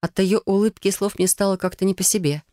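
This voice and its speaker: A woman narrating a first-person story as an audiobook, in a measured, even storytelling manner. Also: medium pitch, no room sound, studio quality.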